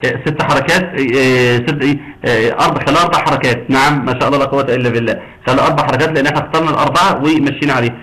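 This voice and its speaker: Racing through an online tajweed session, a man with an Egyptian Arabic accent questions students on Quran recitation and sprinkles in frequent pious words of encouragement. He has a mid-range, somewhat bright voice, captured in a rough recording.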